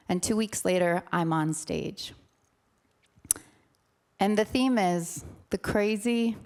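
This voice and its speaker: A woman's voice: lowish voice, creaky, a little mellow. A woman in her thirties telling a personal story on stage in a dramatic, vivid way.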